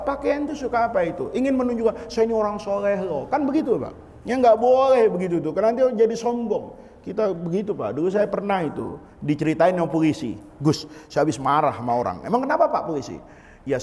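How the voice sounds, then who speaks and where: A man preaching, lively and joking, often questioning his listeners. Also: sits high. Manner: lively, jokey, asks the congregation questions. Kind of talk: mosque sermon. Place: large mosque hall. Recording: long hall reverb.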